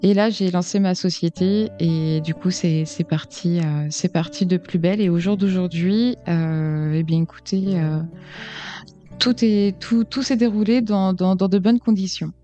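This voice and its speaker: Woman interview guest, mellow dull-sounding recording. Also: fairly low pitch, measured pace, soft background music. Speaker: interview guest, decorative painter. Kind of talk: radio interview, personal account.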